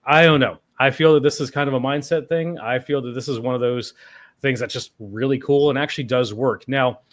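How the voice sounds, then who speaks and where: A man's voice: mid-range voice, fairly even intonation, brisk. A man hosting a livestream panel, talking casually with wry, rambling asides. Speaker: host.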